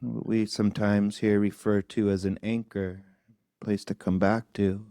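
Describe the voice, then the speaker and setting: A meditation teacher guides a session in a soft, gentle manner, his low voice mellow yet gravelly. He speaks very slowly with very even pitch, leaving long pauses between short phrases, in studio-quality audio with no room sound.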